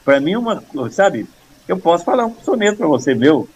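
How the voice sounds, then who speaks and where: An older man in casual conversation, earnestly explaining poetry and reciting verse with a steady rhythm. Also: high-pitched, normal speed, a little hiss or hum, rough recording. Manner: earnest, rhythmic when reciting, many restarts. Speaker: poet guest.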